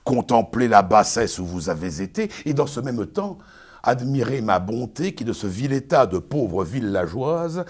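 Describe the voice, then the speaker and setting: A man's voice: mid-range voice, big pitch swings, unhurried. A man playing a pompous, domineering bourgeois husband, declaimed as hammy classical verse theatre. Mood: stern, condescending. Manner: hammy, declamatory stage acting. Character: pompous, domineering bourgeois master lecturing his young bride.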